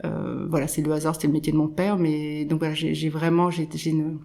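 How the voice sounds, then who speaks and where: Middle-aged woman, low gravelly voice, keeps restarting her sentences, excited and chatty. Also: brisk. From born in Morocco, raised in Nairobi and London. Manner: animated, many restarts and repeated words. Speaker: guest, photographer. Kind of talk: casual interview conversation.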